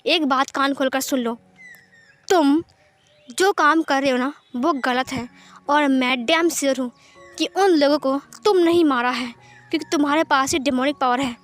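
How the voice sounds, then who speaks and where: A woman's voice: sits high, moderate pace, natural voice. A woman voicing a stern, protective young man who scolds and gives orders in a storybook reading. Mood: angry. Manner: scolding, forceful. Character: stern protective elder brother, harsh and commanding.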